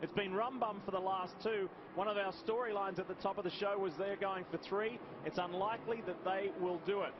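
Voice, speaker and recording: A man's voice: high-pitched, steady tone, fairly quick. A man working as lead motorsport commentator, calling a live car race. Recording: dull broadcast audio over loud car noise. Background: loud race cars and trackside ambience.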